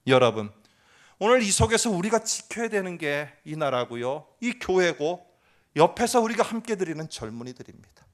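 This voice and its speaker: A male pastor preaching a sermon, voicing tearful prayers aloud and moving between hushed pleas and loud appeals. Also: high voice, big pitch swings, moderate pace.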